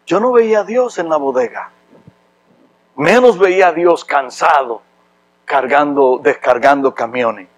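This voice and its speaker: A man from Rico, preaching a sermon with impassioned, emphatic delivery that rises to loud preaching. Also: a little high, a little slow, rough recording. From Puerto Rico. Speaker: pastor.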